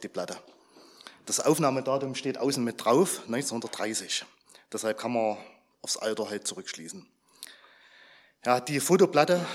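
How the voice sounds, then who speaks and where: Somewhat hoarse and under the weather, a man with a mid-range voice speaks informally to a gathered congregation. He's chatty and keeps putting questions to the audience.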